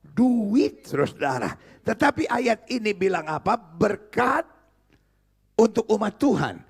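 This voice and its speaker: Middle-aged pastor leading call-and-response, husky and high-pitched. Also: male voice, very animated, a little slow. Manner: call-and-response preaching, joking with the congregation. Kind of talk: sermon.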